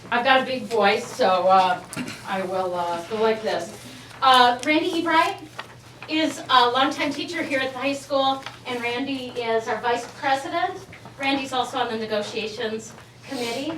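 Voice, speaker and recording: Heard from far off in an echoey room, a teachers' union president addresses a school board meeting with enthusiasm, introducing her colleagues one by one. Her slightly high, fairly bright voice moves at normal speed, with a little hiss or hum in the audio.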